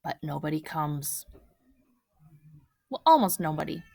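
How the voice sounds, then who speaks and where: Woman gently reading a picture book. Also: low voice, lively intonation, a little slow, creaky, no echo, clean studio sound. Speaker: storybook reader.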